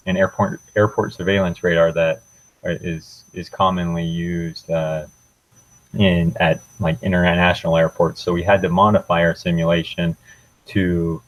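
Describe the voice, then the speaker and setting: A young man, a student, gives an informal technical presentation, walking through a software demo in a hesitant, halting way. His voice is low and the recording is rough.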